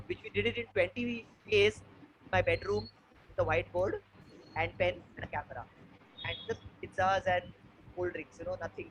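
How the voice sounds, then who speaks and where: A man with an educated, posh Indian English accent gives an informal slide presentation, telling anecdotes in a discursive, conversational way. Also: high voice. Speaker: webinar speaker, environmental educator and trek leader. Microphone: online webinar microphone. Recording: clearly noisy webinar audio with hum.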